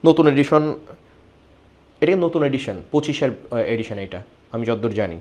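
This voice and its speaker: A man's voice: medium pitch, lively intonation, normal speed, mellow. A man teaching an online biology class, explaining step by step and often asking his students questions.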